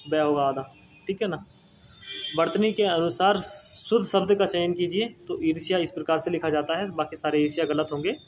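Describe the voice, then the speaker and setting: Exam-focused Hindi spelling is the subject for this young man, whose voice is on the high side. Amid slight background noise, he explains patiently, says words repeatedly, and keeps confirming with his students through a frequent "ठीक है ना".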